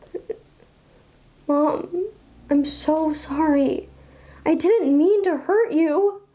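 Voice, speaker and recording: A woman's voice: high voice, darkish tone. A woman performing a dramatic monologue as an anguished teenage daughter, tearful and pleading with tragic sorrow. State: tearful, crying in later lines.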